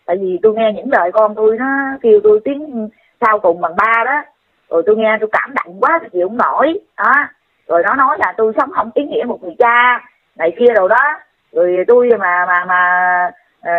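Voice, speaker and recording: A woman voicing a remorseful father, confessing haltingly to doctors. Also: on the high side. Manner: halting, full of hesitations. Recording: tinny phone line.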